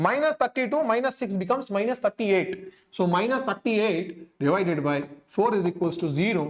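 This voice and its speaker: Very fast-talking Telugu-accented male physics teacher. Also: high voice. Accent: Telugu Indian. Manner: repeats phrases, keeps prompting students with questions. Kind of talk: exam-coaching lesson, working through sums aloud.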